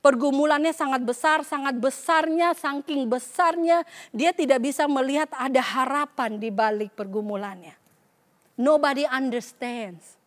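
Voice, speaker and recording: A woman pastor preaching a sermon at a church service. She drops English phrases into her talk and acts out the voices in the scripture she reads. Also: sits high.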